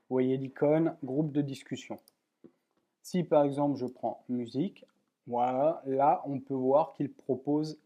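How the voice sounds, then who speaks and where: A man's voice: medium pitch, mellow. A man walking viewers through a computer program step by step in a plain, methodical screen-recorded tutorial, with many fillers. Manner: plain, methodical explaining with frequent "voilà" and fillers. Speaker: software tutorial presenter.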